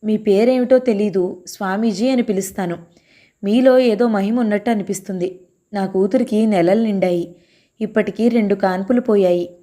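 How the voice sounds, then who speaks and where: A woman's voice: medium pitch, warm tone, natural voice. A woman voicing a humble middle-aged male temple security guard who speaks in an imploring way, in an audio story.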